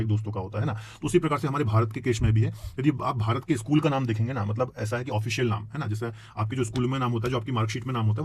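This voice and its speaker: A man's voice: medium pitch, darkish tone, a little hiss or hum. A man teaching a geography lesson to students, explaining with questions he answers himself and tagging his lines with "है ना". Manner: explains with questions, frequent tag "है ना". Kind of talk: classroom lecture.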